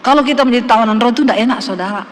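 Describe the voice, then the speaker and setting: A woman's voice: on the high side, very fast. Emphatic woman pastor in a reverberant hall. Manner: emphatic, addresses listeners directly, sometimes shouting. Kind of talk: sermon to a congregation.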